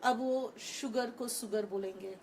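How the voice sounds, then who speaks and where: A woman in her thirties, an online English teacher, speaks frankly and animatedly in an interview on a conference stage, mixing Hindi with English. Her voice is on the high side and a little mellow, with lively intonation and a moderate pace, over slight background noise.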